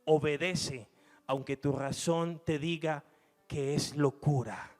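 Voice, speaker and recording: A man preaching a fiery evening sermon, swinging between loud exhortation and hushed, low closing lines. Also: fairly even intonation, slow, soft background music.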